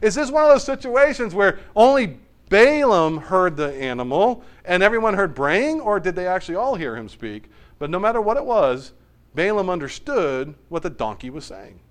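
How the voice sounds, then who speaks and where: Man, high voice, animated storytelling preacher who acts out the voices. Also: normal speed. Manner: storytelling, acts out the characters' lines; animated, swings between loud and quiet. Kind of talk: sermon.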